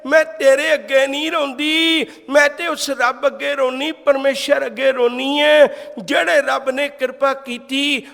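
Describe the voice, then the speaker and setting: A man's voice: very high-pitched, steady tone, moderate pace, gravelly, a bit bright, heavily acted. A man quoting a tender, pleading old grandmother. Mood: tearful prayer. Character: poor old grandmother, loving, tearful. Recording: long hall reverb.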